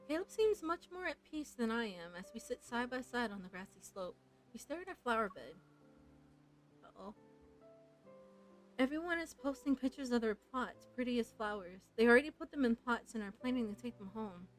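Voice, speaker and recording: A young woman reading a story game aloud, breaking into chatty, excited asides. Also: on the high side, fairly quick, faint music behind, rough recording. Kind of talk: casual playthrough narration.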